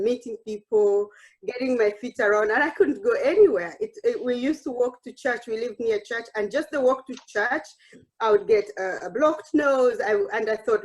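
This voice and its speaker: At an online workshop, a Ugandan woman tells her personal story warmly and earnestly, often restarting and quoting herself. Her voice is fairly high, and the recording quality is low.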